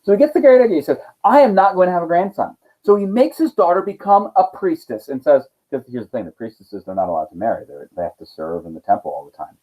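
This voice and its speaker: A man's voice: medium pitch, sing-song, quick pace, hardly any pauses. Playful man telling a story to students. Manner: playful, casual, full of silly asides. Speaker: teacher. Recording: tinny phone-like sound.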